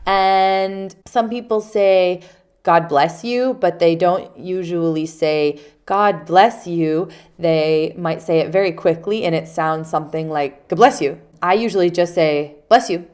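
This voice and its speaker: A woman with a cold teaches English vocabulary in a casual lesson, her fairly low, smooth voice slightly slow, slightly mellow, and congested and nasal from a stuffy nose. She is patient and explains by acting out short example phrases.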